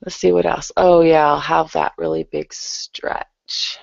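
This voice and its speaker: Sleepy female guest, gravelly morning rasp, dry lo-fi call audio. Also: sits low, unhurried, dry recording. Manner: drowsy, relaxed, gravelly. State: just woke up, morning voice. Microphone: video call.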